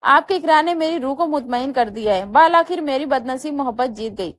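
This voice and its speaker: A woman's voice: sits high, expressive. A woman reading a tender dying young woman.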